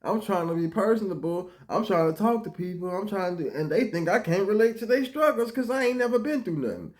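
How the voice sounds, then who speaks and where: A man with a high voice talks through a reaction video, casual and profane. He drops to quiet mutters and then jumps into loud, excited outbursts. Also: fairly quick. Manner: animated, profane, swings from mumbling to loud outbursts. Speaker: commentator reacting to clips. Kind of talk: reaction commentary.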